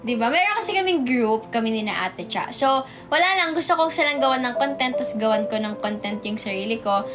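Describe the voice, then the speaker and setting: A woman's voice: fairly high pitch, expressive, fairly quick. A young Filipino woman chatting casually on a livestream, bubbly and chatty, reading comments and greeting viewers by name, a little tongue-tied from a sore in her mouth. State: sore mouth from a canker sore, stumbling over words. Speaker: idol livestreaming to fans. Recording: music playing in the background.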